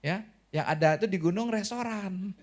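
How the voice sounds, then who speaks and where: A man preaching a sermon as pastor, lively and asking the congregation questions, with an Indonesian accent. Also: high voice, normal speed.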